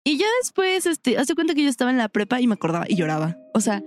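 A woman's voice: fairly high pitch, very animated, very fast. A young woman with a Mexican accent telling a personal story on a podcast, slangy and frank, often breaking into laughter. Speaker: podcast co-host. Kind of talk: casual chat.

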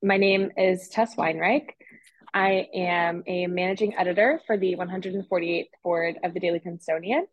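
A woman's voice: fairly low pitch, fairly even intonation, moderate pace, dry recording, dull audio. A young woman who is a student managing editor, speaking earnestly with small fillers. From Washington, D.C. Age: young adult. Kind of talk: casual interview answers.

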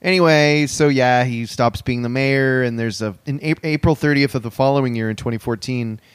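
A man's voice: medium pitch, normal speed, smooth, dry recording, clean studio sound. A young man casually retelling events on a comedy podcast, rambling with lots of laughs. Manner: rambling, giggly storytelling. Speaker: podcast host.

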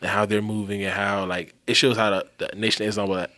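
A man chatting casually about TV shows as a podcast co-host, rambling and animated, swearing freely. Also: fairly low pitch, fast.

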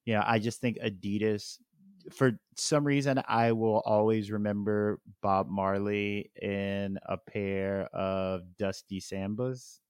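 A man co-hosting a podcast in casual chat, unhurried and rambling with many fillers. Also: lowish voice, little pitch movement, clean tone, no room sound, clean studio sound. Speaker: podcast co-host.

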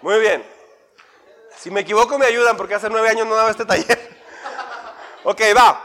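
A man's voice: high-pitched, moderate pace, bright, forceful tone, slight background noise. A man with a Mexican accent, a pastor leading a playful, interactive Bible workshop and chanting lists together with his congregation. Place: church hall with a live congregation. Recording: reverberant hall, faint crowd.

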